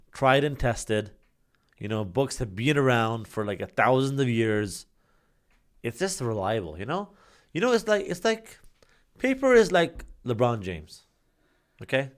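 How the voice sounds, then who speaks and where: A man's voice: medium pitch, clear, resonant tone. A man hosting a podcast in a studio, talking in a chatty, rambling way with lots of fillers. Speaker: podcast host. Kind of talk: casual podcast monologue. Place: recording studio.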